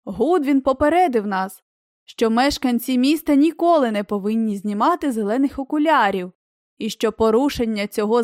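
A woman's voice: on the high side, darkish tone, no echo, natural voice. Woman narrator voicing a strict male gate guard, formal and stern, a little raised, dry audiobook sound. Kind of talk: audiobook reading.

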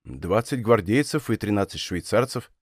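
A man reading a bold, calm musketeer captain in an audiobook, speaking with dry irony. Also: fairly low pitch, moderate pace, no echo, voice pushed down.

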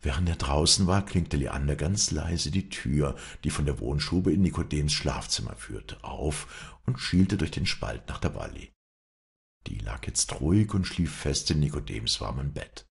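A man narrates a novel in a deep, gravelly voice. His reading is expressive and his pitch moves a lot. He tells the story at a measured pace. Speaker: audiobook narrator. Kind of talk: scripted narration.

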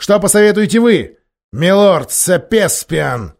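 A man voicing a hot-tempered, blustering king who shouts his indignant words high and loud in a storybook reading. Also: big pitch swings, slow, vocal fry, exaggerated voice. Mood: furious.

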